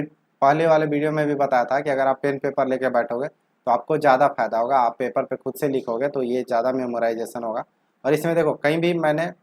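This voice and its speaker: Man teaching vocabulary, slightly high voice. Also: a little mellow. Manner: asks questions and answers them himself, stretches words as he says them. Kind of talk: explanatory lesson with questions to the viewer.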